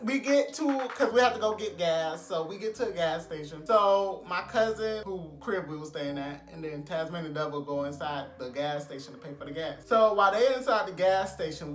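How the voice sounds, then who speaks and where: A man's voice: on the high side, fairly bright tone. A young American man spins a casual story with slangy, dramatic delivery, acting out the quotes as he goes. His voice sits in an echoey room, with music playing behind him. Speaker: storytime vlogger.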